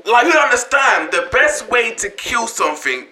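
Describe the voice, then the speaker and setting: A man's voice: extremely high pitch, big pitch swings, moderate pace, crowd noise, poor audio. A man in a casual chat, speaking emphatically.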